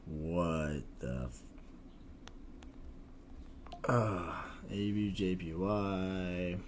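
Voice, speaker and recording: A young man trading forex on a live stream, talking casually in slang with a husky voice like a smoker's, often mumbling and trailing off. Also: low-pitched, extremely slow, slight background noise.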